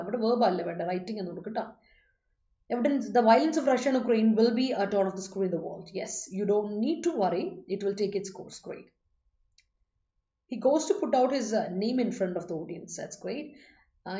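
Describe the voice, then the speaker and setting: A woman with a Malayali accent teaches an English class online, switching between English and Malayalam. She reads student sentences slowly and rushes through course announcements. The room sounds roomy and the audio is a little dull. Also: a little high, warm tone.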